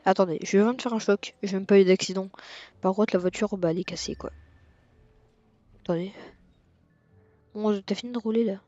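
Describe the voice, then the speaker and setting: A man giving casual let's-play commentary on a racing game, rambling and hesitant with lots of fillers and sudden excited outbursts. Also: high voice, moderate pace, long pauses, no echo. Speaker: gaming video creator. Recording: dull lo-fi mic with faint music.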